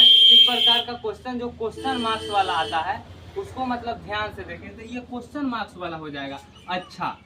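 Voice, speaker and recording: A man's voice: high-pitched, bright, forceful tone, slight background noise. A man teaches a grammar lesson, repeating key words and explaining with everyday memory tricks.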